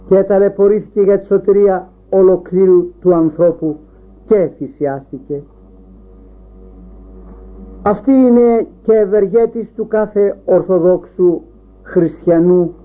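High-voiced man preaching, tinny sound. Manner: rhetorical, repetitive questions. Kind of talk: Orthodox sermon.

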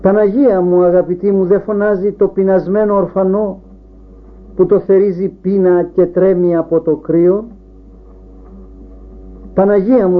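A man preaching an Orthodox sermon, building up rhetorical questions one after another. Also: sits high. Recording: tinny phone-like sound.

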